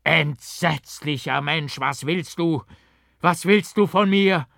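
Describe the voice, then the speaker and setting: A man voicing a frenzied murderous monk, shouting wildly and grimly in a raised voice. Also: a little high, slow, gravelly, no echo, studio quality, pitched above the performer's own voice, full character voice. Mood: raging. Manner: shouting, wild, grim. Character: raging murderous young male monk, frenzied.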